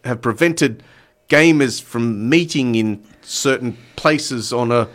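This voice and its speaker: A man's voice: mid-range voice, slow pace, a bit bright. A man co-hosting a board game podcast, talking thoughtfully with many fillers in casual chat. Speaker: podcast co-host.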